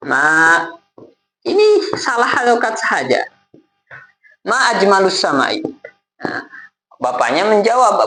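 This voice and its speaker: A man giving a casual spoken religious lesson. He hesitates often with fillers and repeats himself, and he recites phrases slowly. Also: a little high, creaky, fairly bright tone, echoey room. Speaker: Islamic religious teacher.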